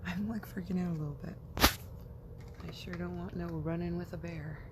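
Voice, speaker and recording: A woman chatting casually in a rambling late-night vlog, at home and then outside in the dark, sometimes dropping to a whisper. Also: on the low side, steady tone, normal speed, heavy background noise. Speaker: vlogger.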